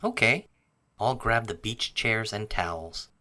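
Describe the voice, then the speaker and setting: Carl, a laid-back young man from a course dialogue, voiced by a man, has a low, bright voice with a lively lilt. His replies are short and plain, like a listening track. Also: takes it slowly, heavily acted. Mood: easygoing. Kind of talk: scripted course dialogue audio.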